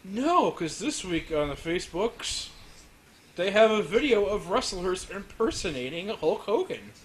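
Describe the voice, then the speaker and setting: A man's voice: sits high, sing-song, unhurried. A man co-hosting a casual podcast chat, wisecracking and reading out jokey questions. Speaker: podcast co-host.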